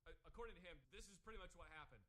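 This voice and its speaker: A man, an army veteran, telling rapid, profane stories in a casual stream chat. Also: high-pitched, pushed and bright, poor audio.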